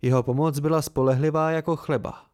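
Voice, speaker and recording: Smooth-voiced male audiobook narrator. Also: fairly high pitch, fairly even intonation, a little mellow, no echo, studio quality. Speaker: audiobook reader.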